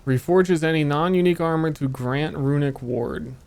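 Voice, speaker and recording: A man's voice: a little high, normal speed, a little mellow. A man streaming a video game, giving casual, joking commentary with frequent profanity.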